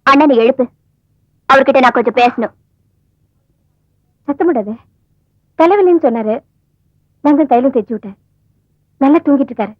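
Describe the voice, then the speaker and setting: High-voiced anxious young wife, dry muffled film sound. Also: female voice, moderate pace, long pauses, no room sound. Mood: sharp. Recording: dry, dull film track with music.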